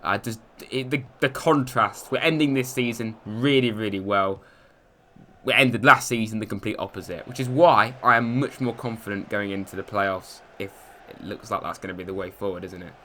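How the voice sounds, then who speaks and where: A young English man giving casual commentary over a football video game, chatty, muttering asides and cheering loudly at goals. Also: on the low side, normal speed, slight background noise. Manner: chatty, swings between mumbled asides and excited shouts at goals. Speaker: gaming youtuber. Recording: light music behind.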